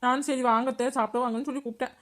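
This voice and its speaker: Woman as young village daughter-in-law, complaining, brisk and a bit high; cartoon. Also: steady tone, lightly acted. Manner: plaintive and chatty, complaining. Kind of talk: cartoon voice acting.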